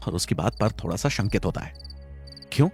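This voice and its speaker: Low-voiced man telling a spooky story. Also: fast, vocal fry. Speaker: narrator. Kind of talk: scripted storytelling. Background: faint music and crickets.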